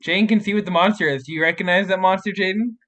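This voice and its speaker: A man's voice: high-pitched, quick pace, a bit bright. A man running a tabletop game as game master on a livestream, thinking aloud with many restarts.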